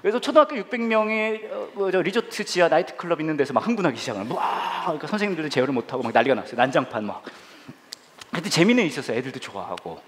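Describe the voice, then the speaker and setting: A man's voice: on the high side, rapid-fire. A man preaching as a pastor in a church hall, telling a humorous story and acting out the voices in it. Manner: animated, acts out voices in the story.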